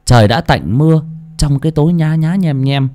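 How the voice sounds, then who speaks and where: A man narrating a ghost story as a scripted audiobook reading, with an expressive, dramatic delivery. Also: a little high, moderate pace.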